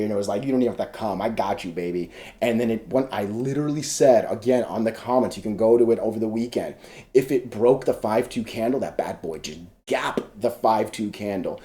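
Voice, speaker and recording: Stock charts get a casual screen-share walkthrough from a man with a medium-pitched, dark voice. He's hiccuping, rambling, restarting sentences, and dropping loose, salty slang.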